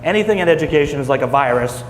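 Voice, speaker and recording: Rapid-fire and expressive in a fairly high pitch, this man leads an education program and talks bluntly, with emphasis, about teaching on a panel. The conference hall gives the recording an echo and some faint noise.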